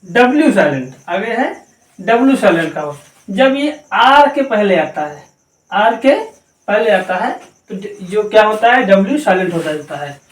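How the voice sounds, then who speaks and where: A woman's voice: mid-range voice, animated, normal speed, distant mic. A woman teaching a pronunciation lesson, spelling words out letter by letter and asking and answering her own questions. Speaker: English teacher. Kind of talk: slow spelling-out grammar lesson. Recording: echoey room, voice from off-mic.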